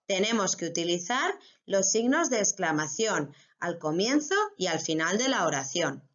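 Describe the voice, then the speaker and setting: A woman's voice: fairly low pitch, big pitch swings, moderate pace, highs cut off. A female primary school teacher with a Spain Spanish accent, giving a recorded online grammar lesson to children and explaining patiently step by step.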